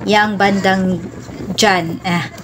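Casual Visayan woman, chatty vlogger voice, mid-pitched, recorded on a phone from a moving motorbike, faint background noise. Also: fairly even intonation, very slow. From Visayas, Philippines. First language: Cebuano (Bisaya). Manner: chatty, rambling, gives road-safety advice. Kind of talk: casual travel vlog narration. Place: riding pillion on a motorbike outdoors.

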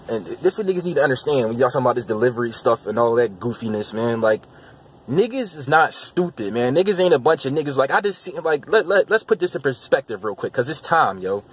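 A young man giving casual commentary to his viewers, with loose, repetitive slang, getting louder and higher as he argues. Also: slight background noise. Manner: loose, repetitive slang, rising heat when arguing. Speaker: vlogger.

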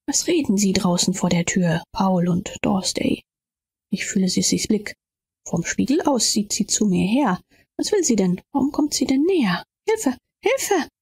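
A woman reading an inner-monologue audiobook in German, often dropping to a hushed whisper. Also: medium pitch, creaky, slightly rough, no room sound, clean studio sound. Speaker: audiobook reader.

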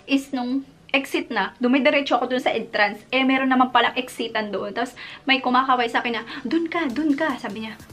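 This young Filipino beauty vlogger from the Philippines, with a Filipino accent, chats casually and animatedly through a personal story, using plenty of fillers. Her voice is fairly high and steady in tone, pushed and bright, at a quick pace.

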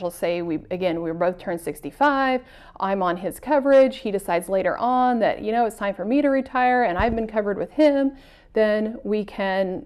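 A woman in her thirties, working as an extension agent, gives an explanatory lecture to camera in a studio with a plain backdrop. Her voice is medium-pitched and darkish, and she earnestly walks through first-person examples, correcting herself at times.

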